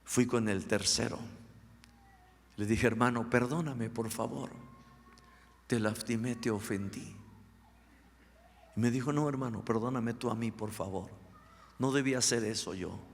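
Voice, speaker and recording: A man's voice: mid-range voice, unhurried, pauses often. An older man, a pastor preaching a sermon and acting out the dialogues of his own stories. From Mexico. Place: church sanctuary. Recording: echoey church hall with long reverb.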